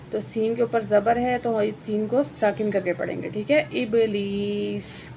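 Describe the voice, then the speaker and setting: A woman teaching a word-by-word recitation lesson with a Pakistani Urdu accent. She spells out each letter and vowel mark, then recites the words slowly. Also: fairly high pitch, vocal fry, darkish tone, slight background noise. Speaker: Quran teacher.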